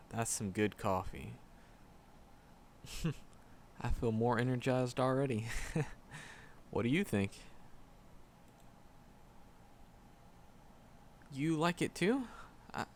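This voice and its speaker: In a roleplay audio drama, a man with a mid-range voice plays a shy, nervous magic professor who addresses the listener, skittish and earnest, stammering and repeating words. He sounds bashful yet pleased, and there's a slight hiss or hum on the audio.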